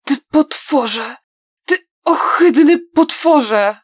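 A stern older swordsman, cold and seething, who shouts his demands, put on by a woman reading a story. His lines ride higher and louder than the narration. Dry, close sound. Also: expressive, very slow, dry recording, full character voice. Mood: outraged. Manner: loud, angry shouting.

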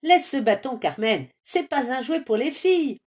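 A voice actor plays a bossy little cartoon chick who shouts and grumbles in a high, lively voice. He swings his pitch wide and pushes every line out loud. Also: takes it slowly. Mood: grumpy. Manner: shouty, grumbles when cross. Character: excitable young boy chick. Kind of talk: animated series voice acting.

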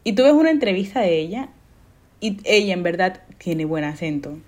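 A woman's voice: on the low side, very animated, moderate pace, darkish tone. A young woman, hosting a casual podcast chat, telling stories loosely and laughing often. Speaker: podcast host.

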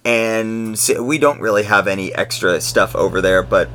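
A man co-hosting a podcast, talking in a relaxed, conversational way and explaining his points at length. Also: fairly low pitch, normal speed, slight background noise. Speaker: podcast co-host. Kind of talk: casual podcast chat.

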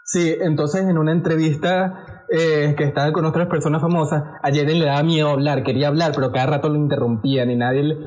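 A Venezuelan man chatting casually, his voice sitting a little high. He tells stories with lots of energy and slips into other people's voices as he goes. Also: quick pace, highs cut off. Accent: Venezuelan Spanish. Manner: animated storyteller who acts out other people's voices. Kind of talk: casual chat.

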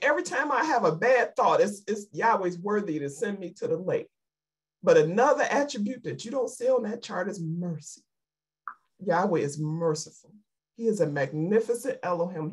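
A woman's voice: lowish voice, breathy edge. A woman giving an emotional, fervent sermon over a video call, repeating her exhortations. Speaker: lay preacher.

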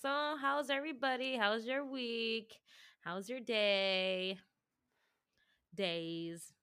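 A woman's voice: fairly high pitch, steady tone, drawn-out words, sharp tone, smooth, dry recording, clean studio sound. A woman co-hosting a podcast in casual chat, who laughs often and talks in a scattered way. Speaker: podcast co-host.

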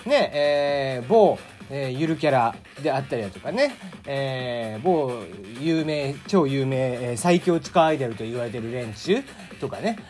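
A man's voice: mid-range voice, animated, a little slow, a little mellow, soft background music. A man hosting his own casual talk show, chatty and rambling, often stopping to correct himself. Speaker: podcast host. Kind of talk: casual solo radio talk.

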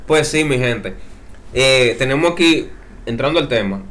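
A man's voice: mid-range voice, expressive, a little slow, fairly bright tone, slight background noise. A man with a Dominican accent co-hosting a podcast, chatting and joking in playful banter. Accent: Dominican Spanish. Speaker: podcast co-host. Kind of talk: casual chat.

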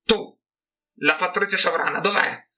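A man voicing an imperious male rat-man sorcerer who barks shrill, impatient commands in a high, strained voice. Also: a little slow, pushed and bright, far from the mic, full character voice. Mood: shrill, demanding.

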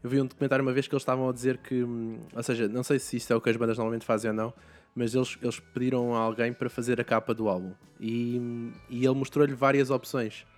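A man's voice: mid-range voice, level tone, quick pace, few pauses, soft background music. A young man with a European Portuguese accent, chatting casually as a podcast host and rambling with many restarts. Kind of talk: casual chat.

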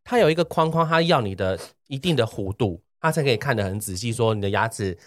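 A man chatting casually as a podcast host in animated, rambling explanations, speaking fluently while wearing dental braces. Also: medium pitch, quick pace, dry recording, studio quality. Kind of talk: casual podcast chat with product recommendation.

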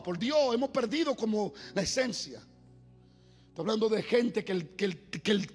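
Impassioned high-voiced male preacher. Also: breathy edge. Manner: impassioned storytelling, rising to loud exclamations. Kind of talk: sermon. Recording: reverberant hall with faint music.

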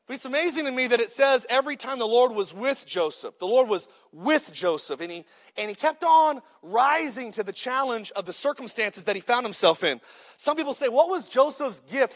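This man in his thirties is a pastor giving a punchy, joking sermon with call-outs to the congregation. He speaks in a very high-pitched, pushed and bright voice.

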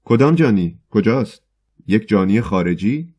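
A man's voice: lively intonation, a little mellow, muffled recording. Man doing a nosy mocking choirmaster. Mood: mocking glee. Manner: meddling, mocking, shrill at times. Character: nosy, mocking middle-aged male ex-choirmaster.

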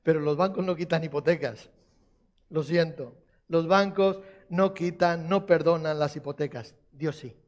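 A man's voice: a little high, a little slow, darkish tone. A man preaching a sermon, repeating key phrases for emphasis and putting questions to the congregation.

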